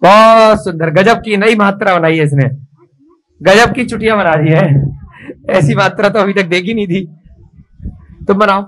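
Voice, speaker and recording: A man teaching children to write a script in a classroom, coaxing and praising them and spelling out each stroke slowly. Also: high voice, a bit bright, low-quality recording.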